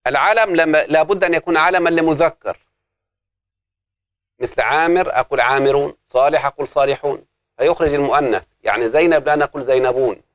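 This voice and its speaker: A man's voice: on the high side, quick pace, no echo. Man teaching grammar, dry sound. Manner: explains step by step, asks the class questions and answers them himself. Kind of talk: classroom grammar lesson.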